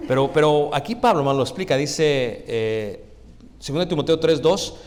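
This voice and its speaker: A man's voice: fairly high pitch, lively intonation, moderate pace, darkish tone. A man from Mexico, preaching a conversational sermon and speaking directly to the congregation as his brothers, asking them questions. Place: church sanctuary. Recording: long hall reverb in a church.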